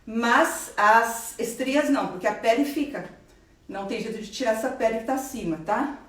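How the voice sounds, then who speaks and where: A Brazilian woman surgeon with a bright, fairly high voice, answering live-stream questions in a quick, eager rush. She explains while pointing at the body and drawing. The sound is roomy and echoey, as if she sits back from the phone mic. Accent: Brazilian Portuguese. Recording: roomy echo, voice a bit far from the mic.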